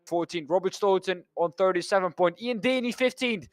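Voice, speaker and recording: A man's voice: high-pitched, normal speed, dry recording. A man from the Netherlands commentating a sim racing broadcast, rambling and correcting himself as he stumbles over names. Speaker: race commentator.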